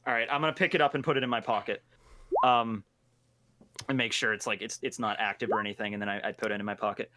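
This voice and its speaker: A man playing a tabletop game, chatting casually with an excitable, sweary manner. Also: lowish voice, quick pace.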